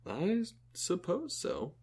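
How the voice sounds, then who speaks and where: A man's voice: medium pitch, unhurried. Guy doing a thoughtful alien dude in an audio drama, earnest, voice goes up and down a lot. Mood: musing. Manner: earnest, explanatory, lively intonation. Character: thoughtful male alien who befriended a human.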